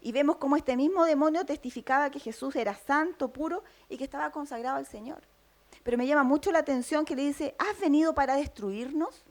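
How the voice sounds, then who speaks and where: Chilean woman preacher, higher pitch, teaching style with tag questions. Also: quick pace. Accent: Chilean Spanish. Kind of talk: sermon.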